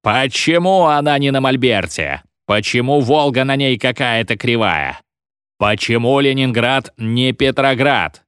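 A raging school headmaster bellows threats and rants at his staff, acted by a man reading aloud. The pitch leaps up and down with every outburst. The sound is dry and close, with no room around it. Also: expressive, a little slow, a bit bright, smooth, no room sound. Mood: ranting. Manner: roaring, ranting, threatening. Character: furious bellowing male school headmaster, tyrant.

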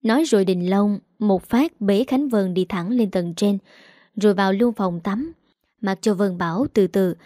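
A woman narrating a romance story in an even, plain reading style. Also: mid-range voice, no echo, clean studio sound.

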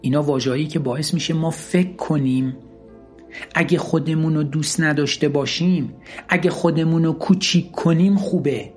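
A man's voice: on the high side, a little mellow. A man giving an earnest motivational talk, driving his points home with repeated, emphatic lists. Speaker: motivational speaker.

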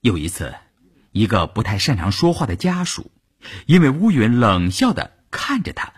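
Male audiobook narrator, dramatic, husky, widely varied pitch. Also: normal speed. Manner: dramatic, expressive reading. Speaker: storyteller.

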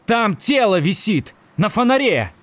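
A man reading an audiobook, voicing a panicked shopkeeper who shouts frantically in a high, cracking voice. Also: slow pace. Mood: frantic. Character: panicked middle-aged male shopkeeper.

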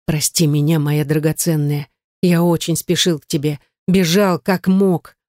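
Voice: mid-range voice, little pitch movement, a little slow, darkish tone, no room sound, clean studio sound, close to an everyday voice. A reader voicing a young husband who is fierce and tender, growling or pleading.

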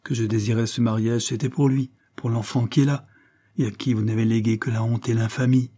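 A man's voice: mid-range voice, steady tone, a little fast, close to an everyday voice. A man voicing a jilted young noblewoman, speaking in an impassioned, reproachful way. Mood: bitter. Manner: impassioned, reproachful delivery, louder than the narration. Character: jilted young English noblewoman, bitter and proud.

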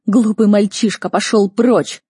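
A woman's voice: on the low side, steady tone, brisk, mellow, slightly rough, no room sound, studio quality. A woman voicing a stern, overbearing male duke who barks orders. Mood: angry commanding. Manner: barking orders.

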